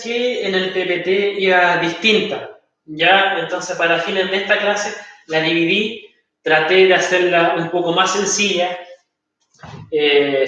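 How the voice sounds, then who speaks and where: A man with a Chilean Spanish accent and a high, fairly bright voice explains things patiently in a recorded online English class, checking in with students often. The recording is dull and lo-fi, made in an echoey room far from the mic.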